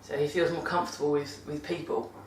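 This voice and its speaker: British woman, deep voice, chatty and self-correcting, distant mic, echoey room. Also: fairly even intonation, a little fast, a little hiss or hum. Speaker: vlogger giving dog-care tips. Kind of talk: casual monthly vlog talk. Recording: roomy sound from a distant mic.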